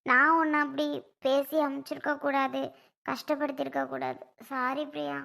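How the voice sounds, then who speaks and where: A woman playing a sister-in-law who softly and tearfully apologizes in a family skit. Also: high-pitched, flat delivery, normal speed, vocal fry, heavily acted. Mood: apologetic. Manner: soft, pleading apology. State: near tears.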